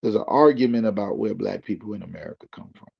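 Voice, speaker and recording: Low husky guy with a gravelly edge, talks slangy and loose like he's preaching, dull lo-fi audio. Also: quick pace. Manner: loose slang-heavy talk, preacherly build. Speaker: guest. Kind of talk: casual explaining. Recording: dull lo-fi recording.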